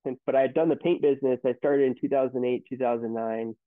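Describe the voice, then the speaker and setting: Speaking quickly in a mid-range voice with a steady tone, a man in his thirties who runs a company rambles through stories in a relaxed interview, frequently starting over. The line is tinny and phone-like, with no room sound.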